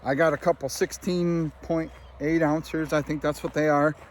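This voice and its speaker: A young man with a slightly high voice, out of breath as he walks up hills on a country road. He chats loosely to his viewers, calling them friends and dudes, recorded outdoors on a handheld camera. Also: flat delivery, normal speed, a little hiss or hum. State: out of breath, winded. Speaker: vlogger. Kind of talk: casual walking vlog narration.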